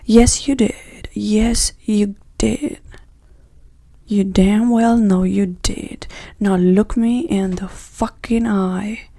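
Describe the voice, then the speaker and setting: A woman voicing a cruel, mocking devil in Hell in an ASMR role-play, with a demonic, taunting soft voice. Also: mid-range voice, fairly even intonation, creaky, no echo, studio quality, exaggerated voice. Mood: menacing. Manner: demonic soft voice, slow, taunting, foul-mouthed.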